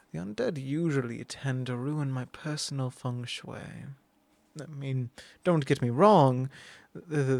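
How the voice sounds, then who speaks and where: In an ASMR roleplay, a man with a medium-pitched, slightly dark voice plays a vain, possessive vampire who has lived forever. He drawls condescendingly and now and then whispers right against the mic. There is no room sound.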